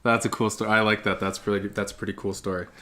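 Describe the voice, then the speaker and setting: A man's voice: lowish voice, level tone, fast talker, bright, forceful tone, a little hiss or hum. A man from Canada hosting a podcast, asking casual questions, laughing often and tossing in short encouraging replies. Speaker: podcast host. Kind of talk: casual interview.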